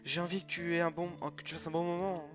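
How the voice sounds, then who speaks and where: A man giving animated, chatty let's-play commentary with quick outbursts of frustration, over a dull recording with faint game music. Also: a little high. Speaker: gaming youtuber.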